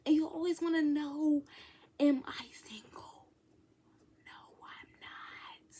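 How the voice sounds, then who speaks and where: A woman's voice: high voice, fairly even intonation, slow pace, mellow, a little hiss or hum. A woman of twenty chatting casually in a Q&A vlog, sassy and playful, with whispered asides. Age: 20s. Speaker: vlogger. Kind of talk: casual get-to-know-me Q&A.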